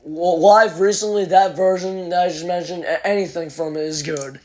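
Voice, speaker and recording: Eager high-voiced young man. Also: fairly even intonation, moderate pace, a little mellow. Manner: eager, rambling with many fillers. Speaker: podcast host. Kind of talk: casual chat.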